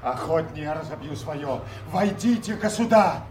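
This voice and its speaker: A man's voice: fairly high pitch, expressive, a little slow, a little mellow. An actor playing a loyal attendant of a king, urgently calling out in theatrical tragedy style. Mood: urgent concern. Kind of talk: theatrical classical tragedy acting. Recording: echoey room with noise.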